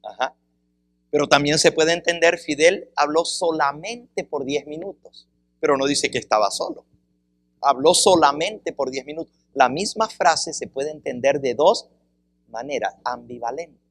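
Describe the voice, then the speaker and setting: A man's voice: fairly high pitch, a bit bright, dry recording. A man giving a Bible seminar lecture, quizzing his listeners with questions and repeating key phrases to drive home each point. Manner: asks the audience questions and explains with examples; deliberate, repeats phrases for emphasis.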